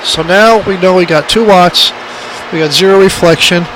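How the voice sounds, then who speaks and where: Against a noisy background, a man with a high-sitting voice talks at normal speed through a hands-on radio equipment demo, shot as an amateur phone recording. He's a hobbyist explaining things informally, plainly and emphatically, repeating what matters.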